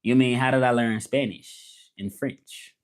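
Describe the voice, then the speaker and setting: A livestream host and language content creator from the southern United States chats casually in a Southern accent, colloquial and often repeating his phrases while switching between English and French. His medium-pitched voice is steady in tone and a little slow.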